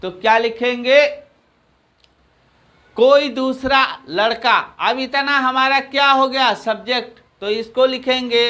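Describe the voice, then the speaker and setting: High, bright-voiced Hindi-accented male teacher. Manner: drills phrases slowly, asks and answers own questions. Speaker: English teacher. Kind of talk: classroom grammar lesson.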